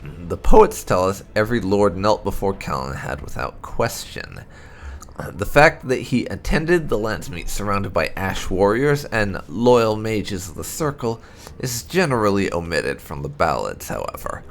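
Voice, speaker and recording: The host of a game playthrough channel reads fantasy lore entries aloud like a storybook, his low, gravelly voice marked by vocal fry and lively swings in pitch. He delivers the text deliberately with dramatic emphasis, over music and slight background noise.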